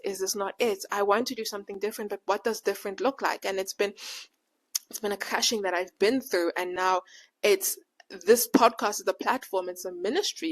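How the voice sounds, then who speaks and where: Woman who says w for r. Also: medium pitch. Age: late 20s. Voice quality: can't pronounce R, says w for r. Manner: animated, slangy retelling with quoted dialogue. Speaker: podcast host. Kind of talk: casual personal reflection, storytelling.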